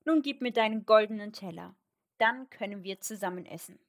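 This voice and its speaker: A woman voicing an insistent, wheedling male frog in a fairy tale, reading at a slow pace with her voice lifted. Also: mid-range voice, close to an everyday voice. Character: pleading pushy male frog by a well. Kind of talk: storybook reading.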